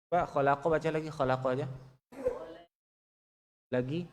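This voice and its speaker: A man teaching Quran recitation, correcting pronunciation and drilling syllables slowly for his students to repeat. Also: a little high, fairly even intonation. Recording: long hall reverb.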